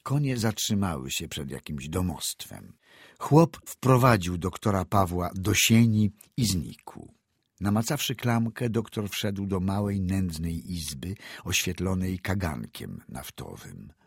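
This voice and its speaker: Low husky guy reading an old novel aloud, slow and steady. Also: no echo, studio quality. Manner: measured, descriptive storytelling. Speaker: audiobook narrator. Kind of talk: scripted narration of classic prose.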